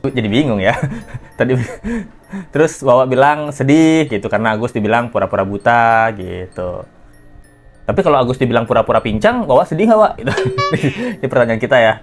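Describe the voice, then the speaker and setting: A man hosting a casual gossip reaction commentary, teasing and laughing often as he jokes. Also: mid-range voice. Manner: mocking, laughs often, jokey wordplay. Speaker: commentary host.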